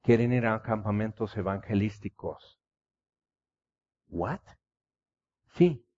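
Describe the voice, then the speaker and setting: Male preacher, impassioned storytelling, mellow tone, lo-fi recording. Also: fairly low pitch, slow. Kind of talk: sermon. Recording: dull lo-fi recording.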